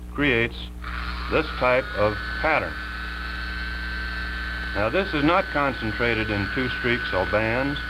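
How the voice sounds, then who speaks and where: Engineer in a 1950s TV broadcast. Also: male voice, medium pitch, noisy background. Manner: measured, plain technical explaining. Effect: 1950s TV broadcast sound. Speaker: electrical engineer demonstrating TV interference. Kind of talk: explanatory on-air demonstration.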